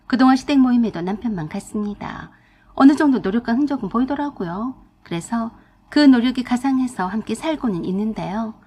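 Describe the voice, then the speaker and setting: A woman with a slightly high, husky voice tells her own marital story as a radio drama. Her narration is sharp and assertive, and she voices her own lines firmly. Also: expressive, a little fast. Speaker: storyteller reading a listener's story.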